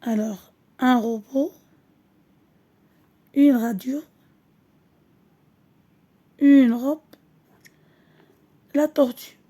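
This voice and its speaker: Woman teacher, high and mellow voice, slow and deliberate, repeats each word. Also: breathy edge. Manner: switches between French and Arabic. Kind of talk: slow classroom lesson.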